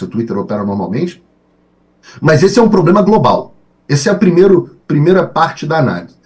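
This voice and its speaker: A man's voice: on the high side, darkish tone. A man answering as a guest on a radio interview, analytical, often restarting and repeating phrases. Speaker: guest commentator.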